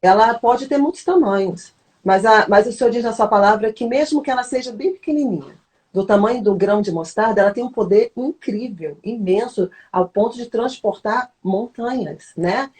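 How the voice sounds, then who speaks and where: A woman pastor with a Brazilian accent hosts a live faith conversation. Her voice sits slightly high, and she speaks in a reflective, teaching manner as she explains her ideas. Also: lively intonation, moderate pace, a little mellow. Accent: Brazilian Portuguese. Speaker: pastor, host. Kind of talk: faith-based live chat.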